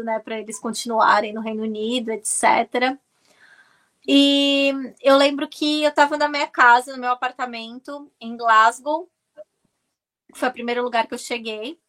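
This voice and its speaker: Brazilian woman guest telling stories, high voice, lively, keeps restarting words. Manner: animated, restarts words often. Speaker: interview guest. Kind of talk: casual storytelling.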